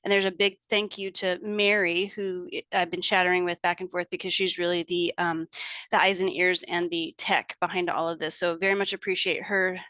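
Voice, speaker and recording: A middle-aged woman hosts an online meeting over a computer mic. Her voice is bright and forceful, and the sound is dry and close. She talks in a friendly, rambling way, full of fillers and restarts. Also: lowish voice, level tone, moderate pace, no echo. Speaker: state infection prevention lead hosting office hours.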